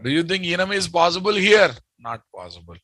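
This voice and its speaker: A man's voice: sits high, very animated, a little fast, sharp tone, dry recording, clean studio sound. A man with a Telugu Indian accent teaching programming live, speaking emphatically, repeating his statements and quizzing his students.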